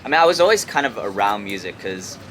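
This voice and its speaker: Speaking outdoors on an urban rooftop with clear city traffic audible, a young music artist from Hong Kong chats casually as an interview guest. His voice is low, very animated and a bit bright, and his speech is halting, repeating words and full of slang like "like" and "you know."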